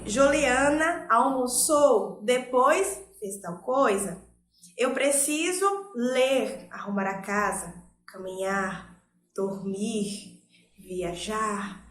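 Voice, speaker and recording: A woman's voice: high-pitched, reverberant. A woman teacher with a Brazilian Portuguese accent gives a primary school lesson, talking expressively and asking rhetorical questions. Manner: expressive, emphatic, asks rhetorical questions, often adds "né?". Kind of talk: recorded classroom lesson.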